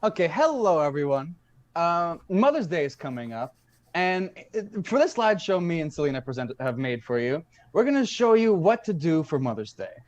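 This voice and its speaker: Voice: mid-range voice, big pitch swings, normal speed, dull audio. An improv presenter giving a mock-earnest slideshow talk with lots of stammering repeats.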